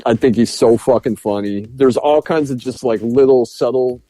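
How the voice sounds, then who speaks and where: A man co-hosting a casual film podcast, retelling scenes with plenty of laughter and false starts. His voice is mellow and warm, recorded close and dry, with faint music underneath. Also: mid-range voice, moderate pace, no echo. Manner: animated retelling with frequent laughs and restarts. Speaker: podcast co-host. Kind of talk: casual film review chat.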